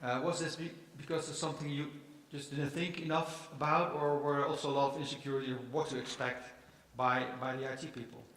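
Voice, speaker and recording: A man's voice: mid-range voice, level tone, a little fast, few pauses, fairly bright tone. A man chairing a conference session, asking the speaker a question with polite, brief prompts. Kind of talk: moderating a conference Q&A. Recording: echoey lecture hall.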